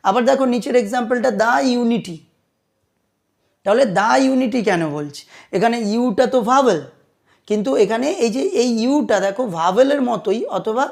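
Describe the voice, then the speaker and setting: Male English tutor, patient and repetitive, checks for understanding. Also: high voice. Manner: repeats rules slowly, checks understanding often. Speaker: English teacher. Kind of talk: whiteboard grammar lesson.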